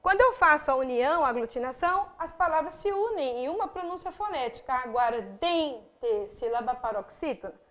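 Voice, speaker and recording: A woman teacher with a Brazilian Portuguese accent gives a recorded grammar lecture, slowly stretching out example words to stress their syllables. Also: high-pitched, animated, a bit bright. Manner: thinks aloud with small slips and corrections.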